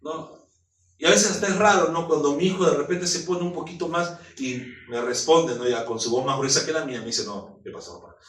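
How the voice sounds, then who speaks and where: A middle-aged man, a pastor, preaching a sermon in a lively, joking way full of rhetorical questions. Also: fairly high pitch, a little fast. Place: church hall. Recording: echoey room, mic at a distance.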